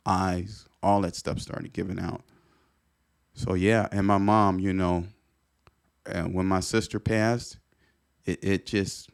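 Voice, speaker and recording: A middle-aged man telling a personal story as a podcast guest, earnest and repetitive, often restarting his sentences. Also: sits low.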